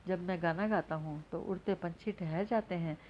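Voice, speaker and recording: A woman's voice: lowish voice, moderate pace, dull audio, slight background noise, natural voice. A woman voicing a playful, affectionate young man in a novel reading, in a plain reading voice. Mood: teasing.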